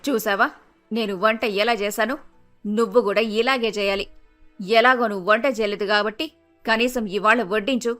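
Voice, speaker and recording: A woman's voice: fairly high pitch, fairly even intonation, normal speed, fairly bright tone, soft background music, natural voice. A woman voicing a bossy older mother-in-law in a cartoon story, scolding and domineering.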